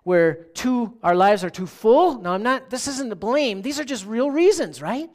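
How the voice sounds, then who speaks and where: Pastor giving a relaxed, chatty sermon, checks in with the congregation, asks questions. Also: mid-range voice, normal speed. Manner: conversational, keeps asking "right?".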